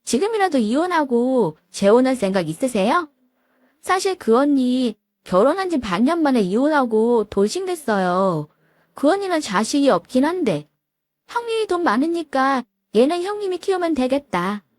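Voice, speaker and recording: A haughty young sister-in-law in a storybook drama, all sneers and taunts, as a woman puts her on. The voice is lifted high and swoops about, and it sounds close and dry. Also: sing-song, normal speed, no room sound. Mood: taunting. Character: snobbish young female sister-in-law, mocking.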